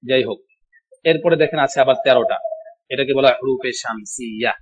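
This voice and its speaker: Male language teacher, husky, patient drilling style, dull lo-fi recording. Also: medium pitch. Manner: slow, drills pronunciation, repeats words for students. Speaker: Arabic teacher. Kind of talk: online language class. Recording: dull lo-fi audio.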